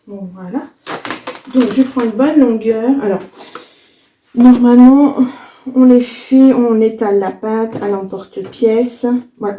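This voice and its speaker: A hoarse woman talks her way through a home cooking demo, stopping and restarting as she works. Her voice has a gravelly catch, and the kitchen sounds echoey. Loud clatter of dishes and pans runs behind her. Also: fairly high pitch, a little hiss or hum. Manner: chatty, many fillers and restarts while working. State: hoarse, voice cracking. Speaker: vlogger. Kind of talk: casual cooking demonstration.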